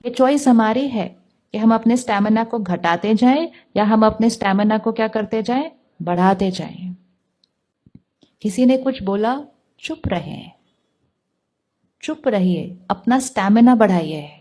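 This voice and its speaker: A woman giving a calm spiritual talk, putting questions to her listeners and answering them herself. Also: on the high side, a little slow. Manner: calm, asks the audience rhetorical questions. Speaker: spiritual teacher.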